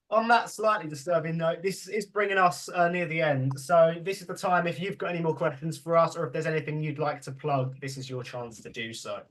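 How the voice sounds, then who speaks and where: A man hosting a casual podcast chat. His voice sits high for a man, and he rambles, swears and laughs easily as he talks. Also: moderate pace, a bit bright. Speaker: podcast host.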